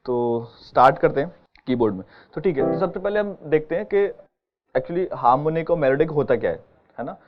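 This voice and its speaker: A man's voice: on the high side, expressive, a little fast. A man teaching an online keyboard lesson, explaining step by step and often checking that his students follow. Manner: patient, explaining step by step with frequent check-ins. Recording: dull lo-fi sound with keyboard playing behind.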